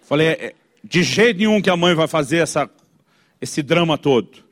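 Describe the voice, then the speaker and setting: Animated storytelling man, fairly high voice. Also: moderate pace. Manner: animated, acts out voices of his inner self. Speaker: pastor. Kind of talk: storytelling sermon.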